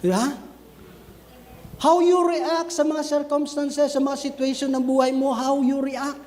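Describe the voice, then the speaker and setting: A man preaching a sermon to a church group, talking to the brethren and acting out scenes in an animated way. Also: very high voice, measured pace, big-room sound, a little hiss or hum. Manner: switches between Filipino and English, addresses listeners as brethren; animated, acts out scenes with raised voice. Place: church cell group gathering.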